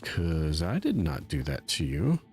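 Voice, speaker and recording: A man chats his way through a live game stream in a deep voice with a gravelly, fried edge. He rambles and pokes fun at himself as he talks to his viewers, with faint music playing underneath. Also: wildly swooping pitch, measured pace, a little mellow. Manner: rambling, self-mocking, talks to chat. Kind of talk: casual live-stream commentary.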